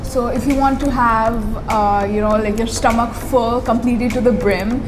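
A woman's voice: a little high, steady tone, moderate pace. A young woman food vlogger in a restaurant, talking upbeat to her viewers on a clip-on mic. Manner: upbeat, addresses viewers as guys. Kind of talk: casual food review chat. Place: indoor restaurant. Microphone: lapel mic. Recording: loud background music under voice.

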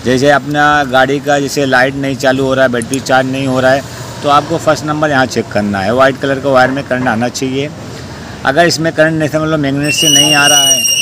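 A male mechanic talks through a hands-on repair in a steady, even voice with little rise and fall. He explains things plainly and keeps circling back with fillers. It was recorded outdoors on a camera mic, with clear street and traffic noise behind him. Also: mid-range voice. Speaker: motorcycle mechanic.

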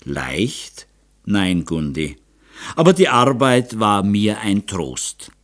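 A man reading an audiobook voices a reserved middle-aged male artist who speaks hard and measured. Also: medium pitch, expressive, close to an everyday voice. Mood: gentle.

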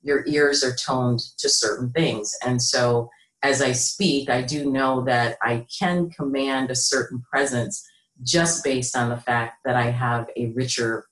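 A middle-aged American woman, a business consultant, is being interviewed over a video call and talks about her work in a measured, conversational tone with fairly even intonation. Her voice is rich, deep and sits in a low register. The computer mic in her small home or office room produces a roomy, echoey sound.

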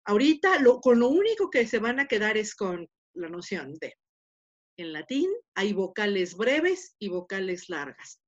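Patient woman teaching Latin online. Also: mid-range voice. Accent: Mexican Spanish. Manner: patient, explains step by step with many rhetorical questions. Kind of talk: online class lecture. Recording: dull lo-fi online class audio.

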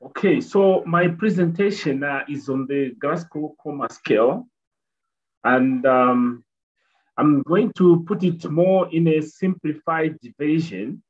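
Man explaining a medical topic. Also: a little high. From Zambia. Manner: measured, repeats points, many fillers. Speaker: nurse presenter. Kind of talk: explanatory lecture. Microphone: webcam on a video call. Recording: dull video-call audio.

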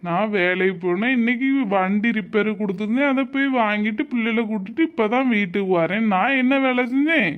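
A woman's voice: mid-range voice, fairly quick, phone-quality sound, natural voice. A woman voicing a defensive, hot-tempered husband and father in a cartoon. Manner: defensive, pleading. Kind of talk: cartoon voice acting.

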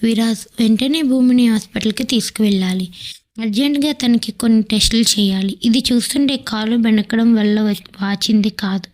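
A woman's voice: a little high, moderate pace, darkish tone, close to an everyday voice. A woman reading the part of a young woman who urgently explains that a patient needs the hospital. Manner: urgent, clinical.

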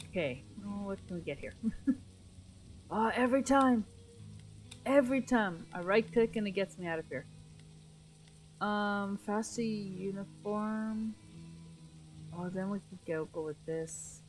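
A woman's voice: medium pitch, a little mellow, rough recording. A woman commentating casually on her own gameplay, thinking aloud, while losing her voice. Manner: thinks aloud, self-talk with frequent restarts. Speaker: gameplay streamer.

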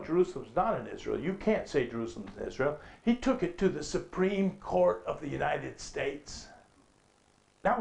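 This middle-aged conference speaker's voice sits high with vocal fry. Preaching emphatically from a lectern, he leans on rhetorical questions and climbs higher when quoting scripture, all in an echoey hall.

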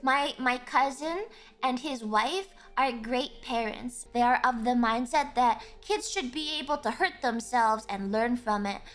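A woman's voice: fairly high pitch, a little slow, a bit bright, faint music behind. A woman streamer telling stories casually on a livestream.

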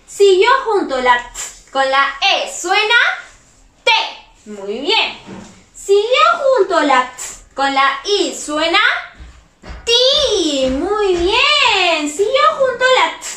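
A young woman teacher leads a reading lesson for small children. Her voice is very high and bright, lilting up and down in an exaggerated sing-song, and she draws every word out very slowly. The sound is roomy and echoey. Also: sing-song. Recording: roomy echo.

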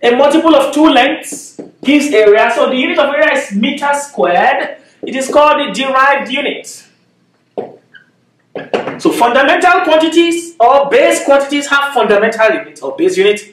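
A man in his thirties with a Nigerian accent gives a physics lecture at a whiteboard in an indoor classroom, explaining step by step and often asking "okay?". His very high voice is expressive and fairly bright, at normal speed. Recorded by a far camera, he sounds distant in an echoey room with slight background noise.

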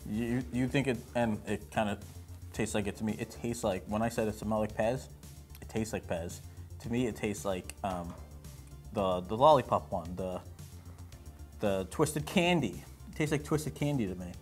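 A man's voice: fairly low pitch, normal speed, faint music behind. Joking, rambling man unboxing a drink. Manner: joking, rambling, self-deprecating. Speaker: host. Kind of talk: casual unboxing chat.

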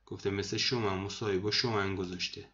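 A man teaching vocabulary to students in a screen lesson, repeating each word slowly and explaining it. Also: deep voice, fairly even intonation, sharp tone, dull audio. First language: Persian. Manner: repeats words slowly, addresses students as kids. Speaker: language teacher.

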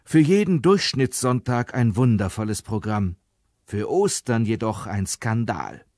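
A man's voice: fairly low pitch, animated, unhurried, a little mellow, no room sound. A man reading a gloomy, strained father. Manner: strained, sighing. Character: brooding unemployed father, gloomy and serious.

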